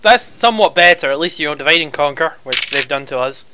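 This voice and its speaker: A man's voice: on the high side, lively intonation, quick pace, very noisy. A man playing a tabletop role-playing game, chatting casually with the group. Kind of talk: casual chat.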